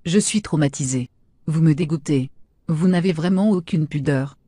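Woman acting out a crude, smug young woman, dark husky tone, comic machinima lead. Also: low-pitched, normal speed, no echo, clean studio sound. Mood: brash. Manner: brash, insulting, self-satisfied. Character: vain crude foul-mouthed young woman.

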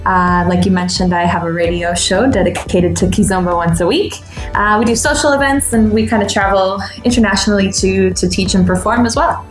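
A woman from New York State, a dance instructor, answering interview questions in a friendly, relaxed way with many ums and uhs. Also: mid-range voice, a little fast, echoey room, faint music behind, rough recording. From New York State, USA.

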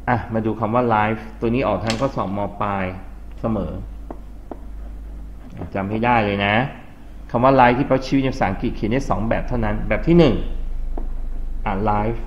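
A man with a Thai accent teaching an English grammar lesson to a class, explaining step by step, spelling out words letter by letter and quizzing his students. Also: lowish voice. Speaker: English tutor. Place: tutoring classroom. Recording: dull lo-fi classroom recording with faint hiss.

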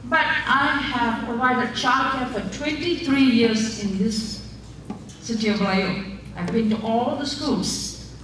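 A woman's voice: a little high, measured pace, fairly bright tone, a little hiss or hum. An older woman from Malaysia giving a heartfelt public comment at a school board meeting, pleading and repeating herself. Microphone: far room recording of a podium mic. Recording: echoey hall from far off.

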